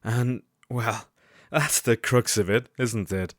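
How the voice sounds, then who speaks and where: A man playing a shy, earnest Victorian gentleman doctor, hesitant and formally polite, in an audio drama. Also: mid-range voice, fairly even intonation, slow, no room sound, clean studio sound. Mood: nervous, hopeful.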